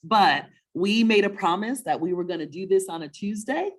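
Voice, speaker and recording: Co-hosting a webinar about children's stories, this woman talks in a medium pitch at normal speed, her delivery expressive. Her casual chat is warm, encouraging and motivational, and she keeps checking in with questions.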